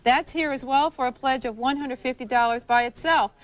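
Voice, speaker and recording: A woman hosting a public television pledge drive, making a chatty, wordy, ad-libbed live fundraising pitch. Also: a little fast.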